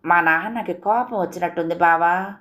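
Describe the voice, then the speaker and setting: A woman's voice: fairly low pitch, normal speed, fairly bright tone, lightly acted. A woman voicing a timid, pouting young village girl.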